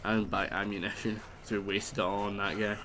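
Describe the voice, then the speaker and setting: Playing a video game, this stuffy-nosed let's play host rambles casually and exclaims at the action in a level, fairly low voice. He talks a little fast over a noisy background.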